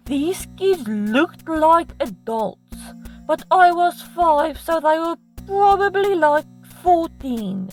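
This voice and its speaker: A South African woman with a very high voice delivers scripted comedic storytime narration, dramatic and self-mocking. Music plays behind her voice, and the recording is rough.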